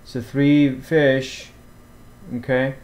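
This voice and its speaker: A man walking through fishing apps over a screen recording, talking haltingly with many fillers and restarts. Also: medium pitch, level tone, darkish tone. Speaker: fishing vlogger. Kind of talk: screen-share app walkthrough.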